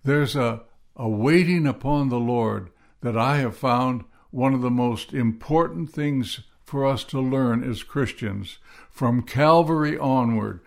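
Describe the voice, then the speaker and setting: Middle-aged guy preaching on a podcast, gravelly voice, earnest and reflective, slows way down for verses. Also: medium pitch. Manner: earnest, reflective, quotes scripture slowly. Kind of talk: devotional podcast teaching.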